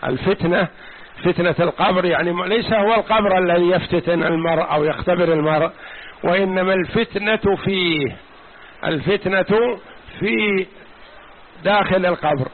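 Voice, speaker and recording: A man teaching a religious lesson, explaining slowly and repeating key words. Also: sits high. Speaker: sheikh teaching a creed class. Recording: tinny phone-like recording with faint hiss.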